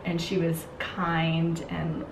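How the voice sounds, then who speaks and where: A woman makeup artist chatting and telling stories while doing someone's makeup, giving gentle directions and laughing often. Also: deep voice, monotone, slow, creaky. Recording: echoey room with faint noise.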